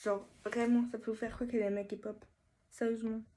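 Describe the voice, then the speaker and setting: A woman's voice: on the high side, flat delivery, fairly quick, mellow, lightly acted. A woman playing a shy teenage schoolgirl who loves K-pop, in a comedy skit, talking hesitantly with lots of slang fillers. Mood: defensive. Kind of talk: comedy skit role-play.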